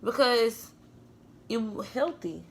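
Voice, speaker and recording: A woman's voice: fairly high pitch, lively intonation, slow pace, slight background noise. A young woman hosting a casual mukbang at home, chatting directly to her viewers.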